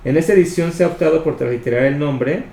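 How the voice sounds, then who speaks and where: A man reading a religious commentary aloud in a measured, explanatory way, slowly spelling out Hebrew terms. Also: fairly high pitch, gravelly, dark tone. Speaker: Torah study reader. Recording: echoey room with faint noise.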